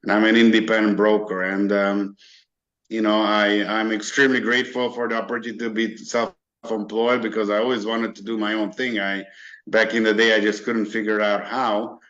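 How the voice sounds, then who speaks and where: Man, earnest and halting. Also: lowish voice, little pitch movement, fairly bright tone. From Hungary. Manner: hesitant, many fillers and restarts, earnest. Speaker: interview guest, business owner. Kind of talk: casual interview. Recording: dull lo-fi sound.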